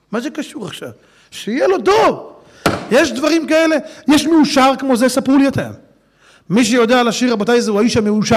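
High-pitched, lively preacher. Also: male voice. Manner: swings from hushed to loud exclamations, laughing. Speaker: religious speaker. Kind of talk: animated sermon to an audience.

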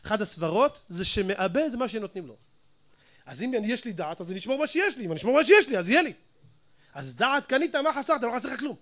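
A man delivering a lively sermon in a strikingly high, bright voice. He keeps up a stream of rhetorical questions and bursts into acted-out shouting to make his points. His delivery is animated throughout. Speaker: rabbi preacher. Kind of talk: Torah sermon.

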